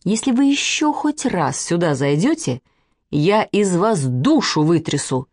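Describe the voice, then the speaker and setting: A woman reading a storybook, voicing a strict father who scolds his daughters slowly and deliberately. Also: medium pitch, very animated, dry recording. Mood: stern. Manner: slow, threatening, deliberate.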